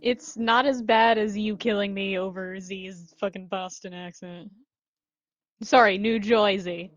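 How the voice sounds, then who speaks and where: A woman player in a tabletop session, bantering and laughing easily with the group. Her voice sits at middle pitch and comes through a dull, muffled lo-fi mic in a dry space with no room sound. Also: fairly even intonation, a little slow, dry recording. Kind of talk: tabletop game chat.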